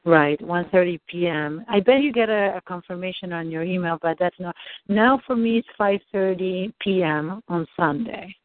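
A woman's voice: lowish voice, normal speed, no room sound. A woman heard over the phone, helpfully arranging a meeting time with many hesitant fillers. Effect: heard over a phone line. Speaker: appointment scheduler. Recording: tinny phone line, dry.

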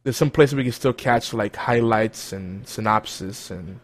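A man's voice: fairly low pitch, unhurried. A man hosting a casual podcast segment, rambling with fillers and self-corrections. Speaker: podcast host. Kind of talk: casual chat.

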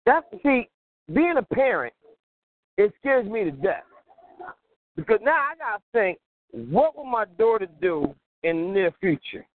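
A fairly high-voiced man calls into a talk show on a crackly phone line that keeps fading in and out. His pitch swings widely as he chuckles and hammers his points home. The sound is thin, tinny and completely dry. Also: unhurried, pauses often, dry recording. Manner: animated, chuckling, repeats himself for emphasis. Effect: patchy phone line that fades in and out. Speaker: radio show co-host calling in. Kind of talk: casual talk radio chat.

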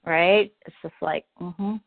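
A woman's voice: fairly low pitch, steady tone, slow pace, creaky, no echo. A woman sharing reflections on a group phone call, agreeable and musing with many fillers. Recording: tinny phone line, dry.

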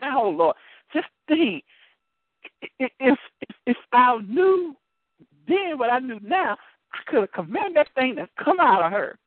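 A male evangelist from the United States hosting a call-in show, telling a caller his testimony in an animated way, stumbling over repeated words and laughing often. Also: very high-pitched, unhurried, no room sound. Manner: animated storytelling with many word repeats and laughs. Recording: tinny phone line, dry.

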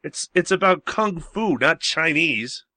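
A man's voice: fairly high pitch, lively intonation, unhurried, sharp tone, no echo. Blunt, grumpy talk radio host man. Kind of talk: casual talk radio chat and news reading.

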